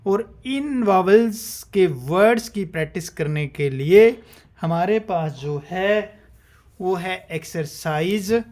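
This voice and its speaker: A man teaches shorthand classroom-style, walking through it step by step and sounding out example syllables one at a time. His voice sits high with a darkish tone, expressive and slow.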